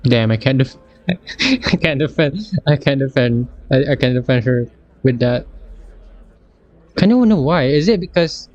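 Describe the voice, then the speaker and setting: A man's voice: mid-range voice, lively intonation, a little slow, a little mellow, dull audio. A man streaming live and reacting casually to a game's story, thinking aloud in a rambling way with restarts.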